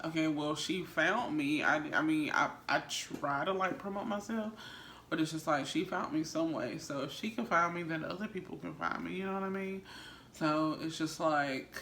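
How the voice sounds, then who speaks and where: A woman vlogger who also runs a small business chats casually with her viewers in a rambling, conversational mukbang style. Her voice sits fairly low and is a bit bright, and the recording has a roomy echo with faint background noise.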